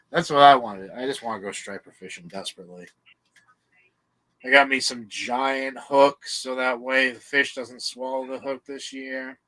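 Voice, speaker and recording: A man's voice: medium pitch, sharp tone, rough recording. A man chatting casually and informally with others on a live group stream. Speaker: participant in a live group chat. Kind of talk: casual chat.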